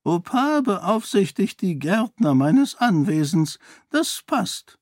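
A man's voice: high voice, big pitch swings, slow, no room sound, clean studio sound, voice pushed up, exaggerated voice. A man voicing a genial, witty elderly duke in an audiobook, in a raised, lighter, courtly voice. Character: elderly genial male duke, dry wit. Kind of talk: audiobook character voice.

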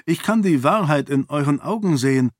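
A man's voice: on the high side, animated, brisk, no echo, studio quality, pitched above the performer's own voice. A male audiobook narrator voicing a stubborn, determined young princess in a raised voice. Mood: defiant. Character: defiant headstrong young princess. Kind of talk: audiobook character voice.

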